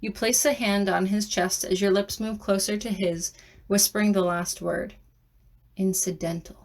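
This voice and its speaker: A woman reads a second-person fan fiction story as an audiobook. Her narration is soft and measured, and her voice sits in a middle pitch. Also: fairly even intonation.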